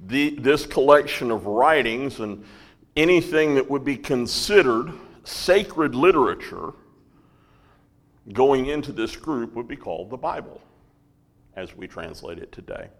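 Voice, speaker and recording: Slow-talking man teaching a Bible lesson. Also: medium pitch, animated, big-room sound. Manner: slow, with frequent "right?" and "okay?" check-ins.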